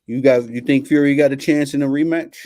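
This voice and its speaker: A man's voice: medium pitch, fairly even intonation, brisk, mellow. A man with a Chicago accent hosting a casual sports podcast over a video call, laid-back and slangy, laughing easily. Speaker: podcast host.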